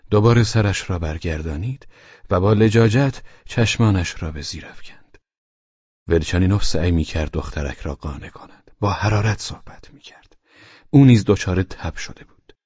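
Deep husky male audiobook narrator. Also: darkish tone, no echo, muffled recording. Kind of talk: scripted literary narration.

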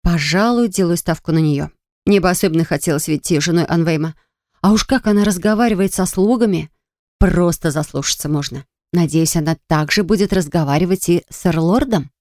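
A woman voicing a sharp-tongued young heroine in a fantasy audiobook, with a sugary, mocking delivery. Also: on the low side, a little fast, no room sound, studio quality, natural voice.

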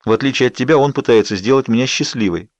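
A man's voice: medium pitch, fast talker, dry recording, natural voice. A man voicing an exasperated, stubborn young woman in an audiobook, protesting and grumbling. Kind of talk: audiobook character voice.

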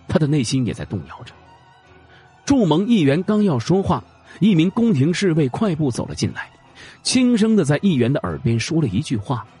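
A man narrating a fantasy audio drama in a dramatic, expressive way. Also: fairly high pitch, slightly rough.

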